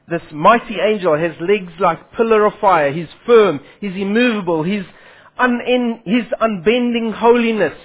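Through a lo-fi, phone-like recording comes a Bible sermon from a man whose speech is marked as Afrikaans. His voice is high with a breathy edge, and he asks his listeners questions before answering them himself.

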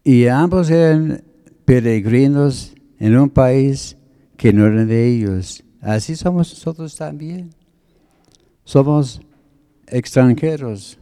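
A man preaching, taking his time as he explains words one by one. His voice is very dark and mellow, sitting at an ordinary pitch for a man. He speaks slowly and deliberately. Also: clean tone. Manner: slow, deliberate, explains word meanings. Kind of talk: sermon teaching.

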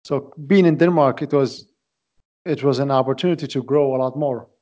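A man in his late twenties who grew up in Iraq, speaking as a podcast guest. He talks haltingly and repeats words while he looks for the next one. His voice sits at a middle pitch and comes through dull, lo-fi audio. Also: a little mellow. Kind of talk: casual interview talk.

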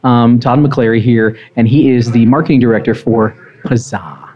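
A man's voice: mid-range voice, normal speed, a little mellow, highs cut off. A man hosting a live talk show, upbeat and rambling, often repeating words as he interviews a guest. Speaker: host. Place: restaurant with live audience.

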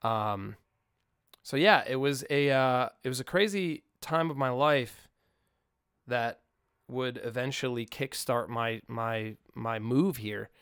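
Casual podcast host, male, gravel in the voice, dry close sound, thinks aloud and restarts his sentences. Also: mid-range voice, takes it slowly, fairly bright tone, dry recording. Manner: reflective and rambling, with many restarts. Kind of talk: casual solo podcast talk. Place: home studio in Nashville. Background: faint song playing under the talk.

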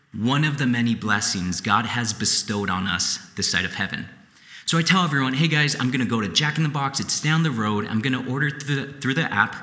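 A pastor delivers a sermon in a lively, conversational storytelling manner. His voice is bright and forceful, at an ordinary pitch for a man. The sound rings with a long echo, as if recorded in a church hall.

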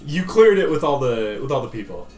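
A man's voice: mid-range voice, very animated, brisk, darkish tone. A man co-hosting a podcast, dry and teasing in laid-back banter. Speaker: podcast co-host.

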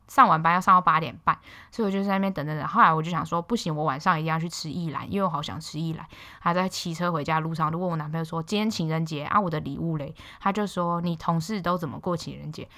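A young woman from Taiwan hosting a casual solo podcast, telling stories in an animated, exasperated way with sharp quips. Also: low voice. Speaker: podcast host.

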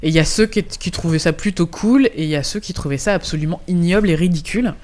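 A woman's voice: on the low side, quick pace, a little mellow. A woman, a game localization manager, talking as a podcast guest with explanatory chat full of restarts and hesitations. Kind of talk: casual podcast discussion.

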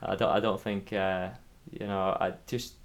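Over lo-fi sound, a low, creaky male voice with flat delivery talks a little slowly. He's a former athlete in his thirties with a mild, fairly neutral Manx accent, chatting casually as an interview guest and thinking aloud hesitantly.

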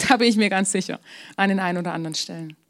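A young woman delivers a church sermon in a personal, candid way. Her voice sits at an ordinary middle pitch, and she moves between lively storytelling and quiet asides. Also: fast talker. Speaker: preacher. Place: church service.

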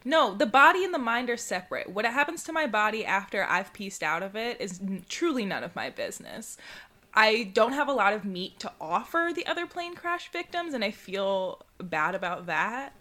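Bright, lively higher-voiced woman co-host. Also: normal speed. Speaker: podcast co-host. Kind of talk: casual chat.

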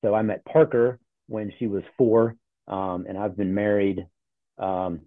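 A man's voice: lowish voice, unhurried, dry recording. A man in his forties, a podcast guest talking casually and loosely with lots of ums and uhs over a video call. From born in Ohio, grew up in Charlotte. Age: 40s. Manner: relaxed, rambling with many fillers. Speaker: podcast guest, nonprofit CEO. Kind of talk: casual interview talk. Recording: tinny phone-like call audio.

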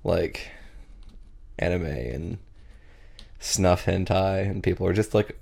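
Southern guy on a podcast, real low gravelly voice, crude jokes, laughs a lot. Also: slow pace, a little mellow. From southeast Kentucky. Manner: crude, joking, laughs often. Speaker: podcast co-host. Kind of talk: casual chat.

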